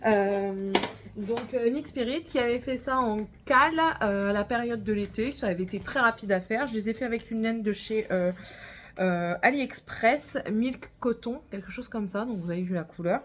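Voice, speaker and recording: A woman's voice: a little high, normal speed, slight background noise. A woman with a northern French accent tinged by Gironde, chatting casually to camera about her knitting, rambling with many hesitations. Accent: northern French with a touch of Gironde. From northern France. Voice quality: rambling, full of hesitations and self-corrections. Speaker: knitting podcaster.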